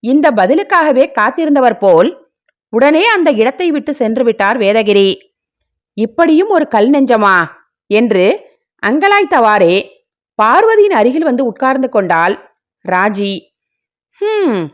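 A woman narrating a family short story in a slow, expressive storytelling manner. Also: fairly high pitch.

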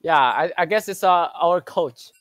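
A man interviewed after winning a match, answering in short, halting sentences. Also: on the high side, a bit bright. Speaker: player being interviewed.

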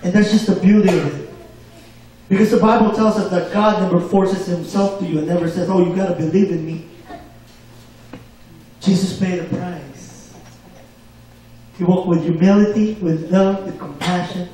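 Male preacher, high voice, call-and-response delivery, booming church echo, distant mic. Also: steady tone, normal speed, warm tone, a little hiss or hum. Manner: call-and-response, asks for amens. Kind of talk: sermon. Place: church hall. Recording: very echoey hall, mic far off.

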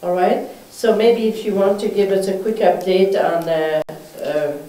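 Mellow-voiced woman chairing a council meeting. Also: mid-range voice. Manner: brisk, moves through agenda items. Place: council chamber, indoors, mid-sized room. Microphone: far room mic. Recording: echoey room, distant mic, faint hiss.

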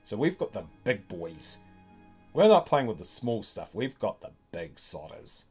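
Middle aged guy w broad new zealand accent, kinda deep, rambly game stream chat, bit of music behind him. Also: big pitch swings, a little slow, a little mellow, slightly rough. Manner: rambling, thinking aloud. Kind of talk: casual live gameplay commentary. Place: indoor room at a desk.

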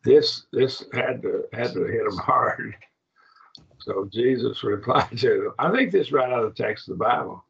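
A man teaching a Bible Greek class, halting and repeating himself, often checking that the class follows. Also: medium pitch, lively intonation, vocal fry, fairly bright tone, muffled recording, a little hiss or hum. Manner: halting, repeats words, asks the class if it makes sense.

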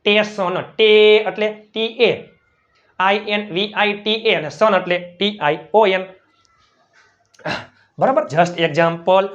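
High-voiced man drilling English words. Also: fairly bright tone, highs cut off. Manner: drills words slowly, then rushes asides; checks in with the viewers. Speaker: English teacher. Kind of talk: spoken English lesson.

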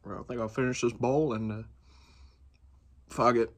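A young man vlogging a road trip from inside a car, joking and crude in a deadpan way. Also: mid-range voice, normal speed. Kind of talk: casual vlog narration and banter. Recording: noisy in-car camera audio. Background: car road noise.

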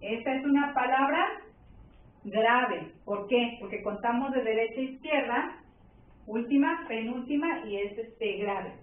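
A woman's voice: fairly high pitch, unhurried, a little hiss or hum. A woman with a Mexican accent teaching a primary school grammar lesson, patiently checking in with her pupils. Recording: tinny distant echoey room.

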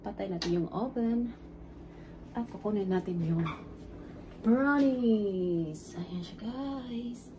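Speaking slowly with long pauses, this middle-aged woman has a mid-range voice and a dark tone. She has a Filipino accent and is a home baking vlogger, casually chatting to her audience in a mix of Tagalog and English while she bakes in a small indoor kitchen. Her phone sits nearby or at arm's length, picking up clearly noisy home kitchen sound.

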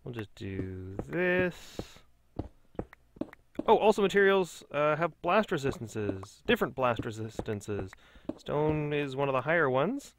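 Lively-voiced man narrating gameplay. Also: medium pitch, measured pace, background noise. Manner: chatty, self-mocking, talks to himself while playing. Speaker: Let's Play host. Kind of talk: casual gameplay commentary.

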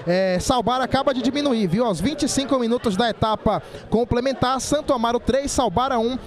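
A man's voice: very high voice, a little fast. A man with a Bahian accent calling a football match live from an outdoor ground. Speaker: football play-by-play announcer. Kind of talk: live sports commentary.

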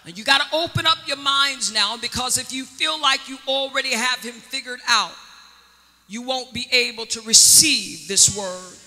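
Her voice sits high, pushed and bright, as she delivers a sermon in the role of a prophetess. She stretches important words dramatically and draws answers from the congregation in call-and-response, all carried by the long reverb of the church sanctuary.

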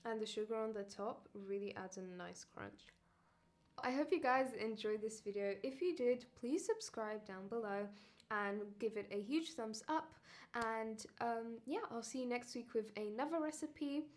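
A woman's voice: fairly high pitch, normal speed. A woman hosting a casual baking vlog from her kitchen, chatty and enthusiastic as she talks viewers through a recipe. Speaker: baking channel host.

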